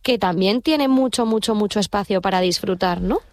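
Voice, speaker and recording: A woman from Madrid, a psychologist, explaining ideas on a radio show in a lively, confident way. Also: mid-range voice, normal speed, no room sound, studio quality. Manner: lively, explanatory, sure of herself. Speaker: psychologist guest. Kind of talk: casual radio chat. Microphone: studio microphone.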